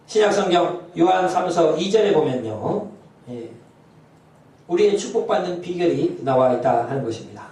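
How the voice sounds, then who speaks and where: A man preaches with fervent exhortation, often dropping in a short affirming "yes" between phrases. His voice sits high for a man. It is recorded from a distance in a church sanctuary, with a very strong hall echo around every phrase. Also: animated, normal speed, warm tone. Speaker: pastor. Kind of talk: sermon. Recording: very echoey church hall, voice from far off.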